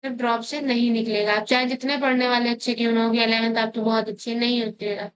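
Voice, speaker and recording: A woman's voice: a little high, level tone, fast talker, dull audio. A young woman giving blunt, scolding advice to students, repeating her warnings. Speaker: education vlogger.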